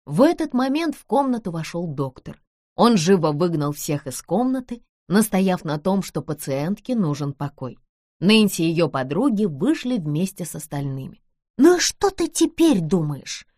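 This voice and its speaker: A woman narrating an audiobook in an expressive storytelling manner. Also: on the low side, moderate pace, no room sound. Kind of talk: scripted narration. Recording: dry close studio sound.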